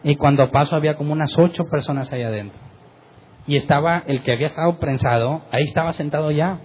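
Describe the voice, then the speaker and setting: A man's voice: fairly high pitch, fast, highs cut off, a little hiss or hum. A middle-aged man gives a sermon as pastor, telling a personal story vividly and often tagging his sentences with a question. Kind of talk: sermon testimony.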